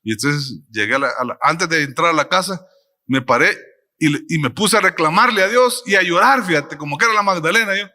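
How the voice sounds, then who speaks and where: Brief: middle-aged male preacher, bright and ringing voice, storytelling sermon. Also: fairly high pitch, brisk. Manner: animated storytelling, acts out his own quotes; addresses the audience with frequent ¿verdad?. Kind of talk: testimonial sermon.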